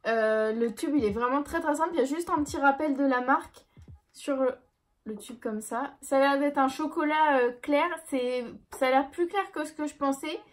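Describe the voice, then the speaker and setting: A woman's voice: high-pitched, normal speed, faint music behind. A young woman chatting casually through a beauty haul and review, light and self-deprecating, with plenty of hesitant fillers. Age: young adult. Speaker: beauty vlogger. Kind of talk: casual product review vlog.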